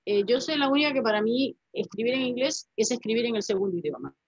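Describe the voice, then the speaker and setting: Her voice is a little high and slightly rough, and she talks fast and with animation, though her words remain thoughtful and reflective. She is a poet and writer in her fifties, a guest whose first language is Spanish, calling from a room at home full of paintings and ending many phrases with "¿no?" The sound comes through a laptop webcam mic, dull and dry, without any room sound.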